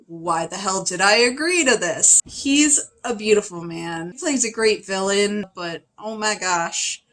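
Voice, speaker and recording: A woman reviewing a film in a casual, opinionated way, chatty and animated, with sudden high exclamations. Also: poor audio. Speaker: video reviewer.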